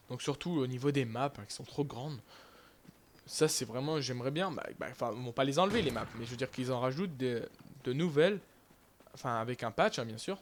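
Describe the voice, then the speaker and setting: Young male gamer, casual live commentary, lots of fillers, mid-pitched voice. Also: slight background noise. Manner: casual, rambling, many fillers and restarts. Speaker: gaming YouTuber.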